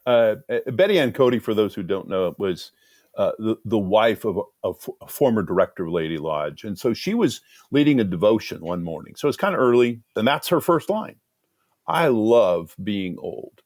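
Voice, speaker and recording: An animated man in his sixties answers interview questions like a storyteller, his pitch swinging widely. He restarts his sentences often. The sound is dry and close, with no room echo. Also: a little fast. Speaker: guest, author. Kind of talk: conversational interview.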